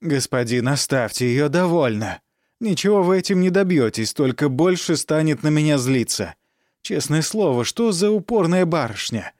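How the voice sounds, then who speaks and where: A man's voice: a little high, expressive, darkish tone, no echo, clean studio sound, pitched above the performer's own voice, natural voice. A man doing a sly fawning peasant woman. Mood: wheedling. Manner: wheedling, drawn-out, falsely humble. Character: fawning, sly young peasant woman, nanny turned concubine.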